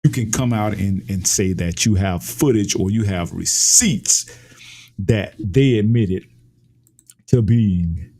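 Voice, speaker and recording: A man's voice: slow pace, dark tone. A man giving heated, emphatic political commentary, his voice climbing as he argues. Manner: impassioned, emphatic, rises in pitch when ranting.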